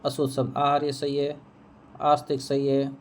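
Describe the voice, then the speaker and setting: A man's voice: medium pitch, completely flat delivery, moderate pace. Male Hindi tutor, exam answer walkthrough, repeats himself, poses quiz questions, faint hiss behind. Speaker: Hindi teacher.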